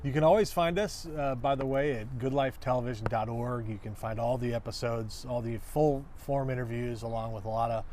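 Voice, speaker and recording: A man's voice: medium pitch, fairly even intonation, brisk, hardly any pauses, darkish tone, a little hiss or hum. Upbeat male talk show host. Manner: upbeat, enthusiastic, with restarts. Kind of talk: friendly interview intro and questions.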